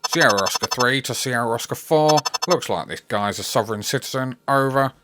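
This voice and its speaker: A man's voice: medium pitch, brisk, a bit bright, pitched above the performer's own voice, close to an everyday voice. A man doing a weary police officer. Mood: patient.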